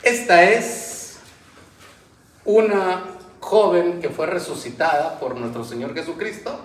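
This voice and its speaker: A male pastor preaching a sermon with impassioned rises and falls, in a church hall. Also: sits high. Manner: impassioned preaching, voice rising and falling. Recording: roomy church sound from a distance.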